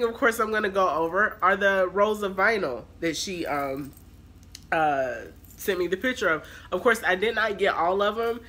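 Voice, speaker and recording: A woman's voice: medium pitch, pushed and bright. A woman talking through a casual, rambling shopping haul vlog, stuffed up with allergies and sounding nasal. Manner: rambling, filler-heavy talk. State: congested with allergies. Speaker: haul vlogger.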